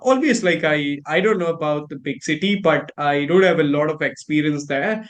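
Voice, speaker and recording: Animated Indian man, high voice. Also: normal speed. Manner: animated storytelling, acts out reactions. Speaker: host. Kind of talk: casual chat about pronunciation.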